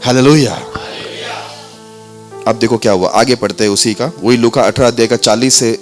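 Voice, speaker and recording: A man's voice: mid-range voice, steady tone, fast, faint music behind. A male pastor preaching a sermon with a touch, retelling a Bible story and acting out the crowd's scolding voices. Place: church hall.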